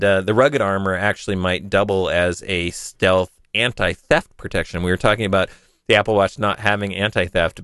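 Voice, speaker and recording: Man, podcast host, low pitch, smooth resonant voice, casual rambling chat. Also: fairly bright tone, no echo, studio quality. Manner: chatty, rambling with restarts. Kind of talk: casual tech podcast talk.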